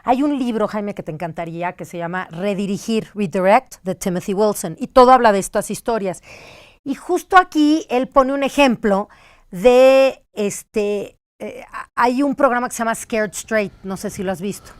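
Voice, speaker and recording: A woman's voice: mid-range voice, moderate pace, no echo, clean studio sound. A woman hosting an interview, engaged and affirming her guest as she speaks. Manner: engaged, frequent affirming "ujú". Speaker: host. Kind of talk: interview conversation.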